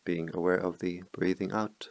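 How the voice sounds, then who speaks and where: Chanting Pali verses in a low murmur, a middle-aged man leads a guided meditation as a meditation teacher. He speaks softly, slowly, and calmly with long gaps between phrases, his very deep voice gravelly, captured in a close, dry recording without room echo.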